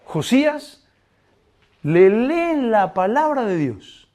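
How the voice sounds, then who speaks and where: A man preaching a sermon, animated, acting out quoted prayers and dialogue in his storytelling. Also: very high-pitched, slow pace.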